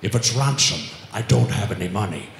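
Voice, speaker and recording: Impressionist role: swaggering, gruff male star caricatures, switching impression voices, echoey live stage sound. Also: fairly low pitch, expressive, fairly quick, slight background noise, pitched below the performer's own voice. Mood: low, menacing. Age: middle-aged. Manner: switching between exaggerated celebrity impression voices. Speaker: comedy impressionist. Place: theatre stage, indoors. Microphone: handheld microphone. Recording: echoey stage PA with music behind.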